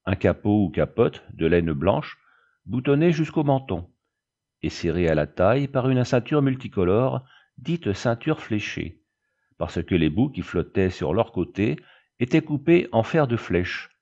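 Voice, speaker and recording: A man reading a novel aloud in a measured, even narration. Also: on the low side. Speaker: audiobook reader. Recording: dull lo-fi recording.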